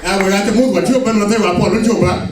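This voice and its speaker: A man with a Sudanese accent works through a stand-up set, landing his punchlines slow and deadpan. His slightly high voice carries from far off across an echoey club room. A crowd laughs loudly underneath, with steady noise. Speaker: stand-up comedian. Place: comedy club stage. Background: audience laughter.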